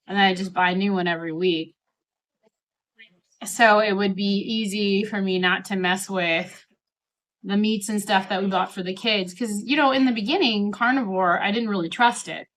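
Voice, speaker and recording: A woman's voice: medium pitch, fairly bright tone, poor audio. A middle-aged woman with a mid-range voice chats casually to the camera as she eats a steak dinner. She rambles from one thought to the next and often slips into quoting what she said or thought. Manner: talking while eating a steak dinner; chatty, rambling, self-quoting. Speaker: vlogger.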